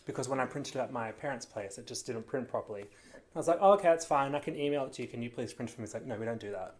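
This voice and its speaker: Very deep-voiced woman. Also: racing, darkish tone. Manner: chatty, rambling storytelling. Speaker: co-host. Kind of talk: casual podcast chat.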